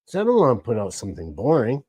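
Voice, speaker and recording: A man's voice: mid-range voice, wildly swooping pitch, fast, warm tone, breathy edge, dry recording. A man casually hosting a live stream, rambling along and greeting chat viewers by name. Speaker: livestream host.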